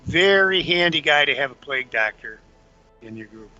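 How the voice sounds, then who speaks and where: Bright-voiced man explaining game tactics. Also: a little high, expressive, moderate pace. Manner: explains patiently, chewing candy. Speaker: older brother giving game tips. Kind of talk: casual gaming walkthrough chat. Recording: dull lo-fi sound with faint music.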